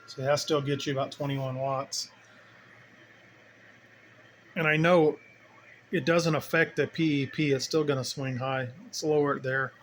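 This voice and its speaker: A man casually showing his radio setup, talking in a relaxed, rambling way as he thinks aloud. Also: mid-range voice, a little slow, long pauses, a little hiss or hum. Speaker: CB radio hobbyist vlogger. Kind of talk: casual hands-on demo.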